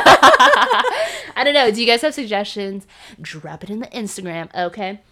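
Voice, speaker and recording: A woman's voice: medium pitch, moderate pace. A woman co-hosting a casual podcast chat, telling stories with animation and laughing often. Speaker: podcast co-host.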